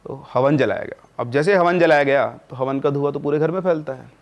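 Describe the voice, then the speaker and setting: A man telling a spooky story in a casual, conversational way, with dramatic pauses. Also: on the high side, lo-fi sound. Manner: conversational, dramatic pauses, addresses listener as bhai sahab. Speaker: storyteller guest.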